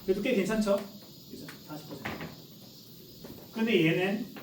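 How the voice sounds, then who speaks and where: Heard from a distance in a reverberant classroom, a man in his forties lectures conversationally, quizzing students and then answering his own questions. His voice sits high and moves at a normal speed over a noisy background.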